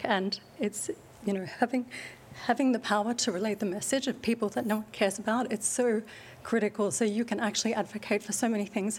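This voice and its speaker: Emotional woman spokesperson, flat delivery. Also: medium pitch, husky. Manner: emotional, halting, heartfelt thanks. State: tearful. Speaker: UN agency spokesperson. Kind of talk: press briefing remarks.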